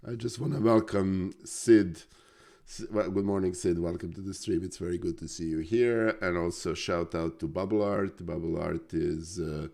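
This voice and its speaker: Deep-voiced stream host. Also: male voice, a little mellow. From Serbia. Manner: friendly, greets viewers by name. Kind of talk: live-stream chat.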